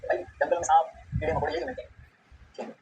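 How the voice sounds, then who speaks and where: A man's voice: very high voice, big pitch swings, creaky, a little mellow. A man teaching customs law in a casual, chatty way, often checking that his students follow. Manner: rapid, chatty, keeps checking "ठीक है?". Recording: slightly dull recording with faint background noise.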